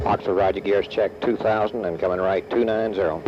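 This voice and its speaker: Over loud music, a low-pitched, brisk male voice comes through a jet pilot's oxygen mask mic as he radios air traffic control in flight. The military pilot keeps to clipped, terse radio procedure. The recording from the cockpit radio is muffled, with steady noise.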